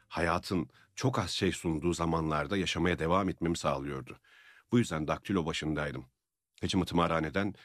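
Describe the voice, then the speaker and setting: A man narrating an audiobook in a measured, matter-of-fact reading. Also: very deep voice, no room sound, studio quality. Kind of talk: scripted narration.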